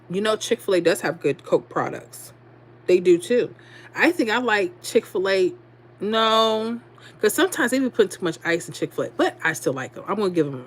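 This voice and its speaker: A middle-aged woman from Louisiana hosting a livestream, chatting casually and laughing as she reads comments. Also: mid-range voice. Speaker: livestream host.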